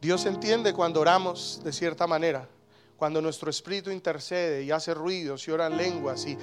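A man in his thirties preaching a sermon as pastor, animated, with sudden loud exclamations. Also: a little high, moderate pace, faint music behind.

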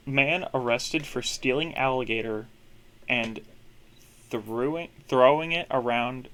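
A man's voice: mid-range voice, slow, bright, forceful tone, a little hiss or hum. A young man co-hosting a casual podcast, reading odd news headlines aloud in an offhand, laid-back way.

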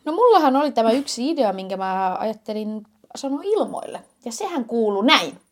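A young woman co-hosting a casual chat podcast, loud and teasing, laughing a lot. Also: a little high, big pitch swings. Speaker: podcast co-host.

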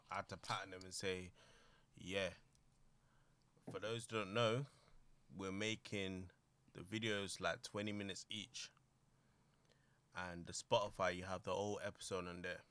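A man's voice: sits low, flat delivery, moderate pace, long pauses, fairly bright tone, clean tone, no echo. A young man with a London accent chatting casually in slangy roadman style as a podcast co-host.

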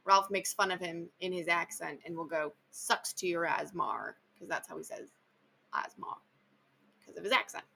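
Woman host, casual book chat, bright tone, talkative, lots of fillers. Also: on the low side, steady tone, quick pace, creaky, hardly any pauses, slight background noise. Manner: chatty, filler-heavy, enthusiastic. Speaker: podcast host.

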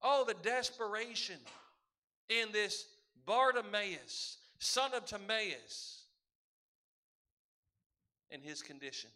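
A man's voice: high voice, lively intonation, takes it slowly, long pauses, sharp tone. A man preaching a sermon as a pastor, earnest and asking the congregation rhetorical questions.

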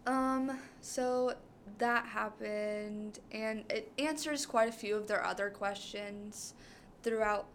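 Young woman chatting slow and rambly, lots of um and like, faint hiss behind. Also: mid-range voice. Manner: rambling, many "um" and "like" fillers. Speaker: podcast co-host. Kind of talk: casual chat recapping a show.

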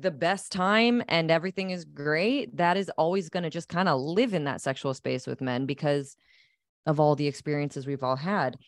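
A woman's voice: low-pitched, dry recording, studio quality. A speaker with a woman's voice from upstate New York, thinking aloud in a casual podcast chat with many "like"s.

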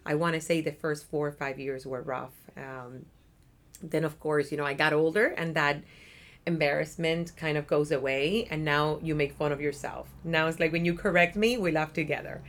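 At normal speed and in a deep voice, a woman in her thirties from Cuba discusses her nonprofit community development work in a casual office interview. She has a Cuban Spanish accent. As a guest she's talkative and upbeat, often adding "right?"

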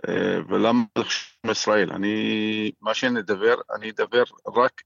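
Creaky-voiced man with an Israeli accent, phone line. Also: lowish voice, fairly even intonation, fairly bright tone, dry recording. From Gaza. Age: middle-aged. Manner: halting, searching for words. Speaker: interview guest by phone. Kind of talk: informal interview answers. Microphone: phone call. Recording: muffled, dull phone line.

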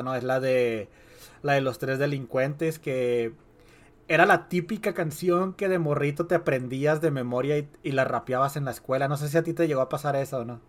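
A Mexican man hosting a podcast, chatting casually about music in a slangy, rambling way. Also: mid-range voice. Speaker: podcast host. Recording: music behind the voice.

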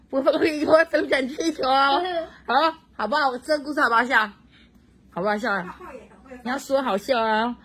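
A high-pitched woman with a husky, breathy edge reads a picture book aloud to a child at home. She leans into the story with lively swoops of voice and breaks off to ask the child questions. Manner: expressive, swoops up for excitement, chats with the child. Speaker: parent reading to a child. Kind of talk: animated storybook reading.

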